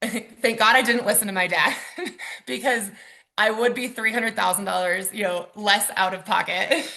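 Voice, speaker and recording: Bright-voiced woman giving a chatty webinar. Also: medium pitch, measured pace, vocal fry. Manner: casual, chatty delivery with frequent ums and likes. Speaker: mortgage lender and house hacker presenting a webinar. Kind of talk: webinar presentation over slides.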